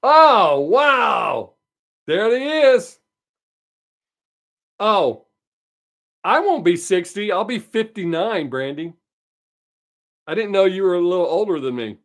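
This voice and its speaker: High-pitched and sing-song, this man in his fifties speaks slowly with frequent pauses and a slightly bright tone. He's hosting a relaxed livestream, chatting cheerfully with viewers and replying to each by name.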